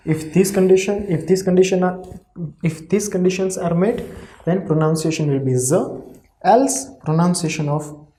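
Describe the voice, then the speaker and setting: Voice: medium pitch, mellow. A language teacher giving a pronunciation lesson, explaining step by step, sounding out example words syllable by syllable, repeating them and often checking in with okay and right. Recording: echoey room.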